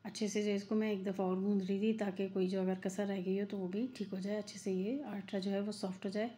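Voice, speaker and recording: Speaking a little fast with a warm tone, this middle-aged woman keeps her medium pitch fairly flat. She hosts a cooking channel and records chatty, repetitive, filler-laden narration in her home kitchen.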